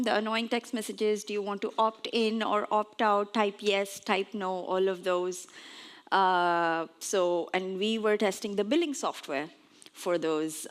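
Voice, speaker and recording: A woman in her forties, originally from Pakistan, giving a conference talk on stage in a chatty, lightly self-mocking way. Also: mid-range voice. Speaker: conference speaker. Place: on stage before an audience.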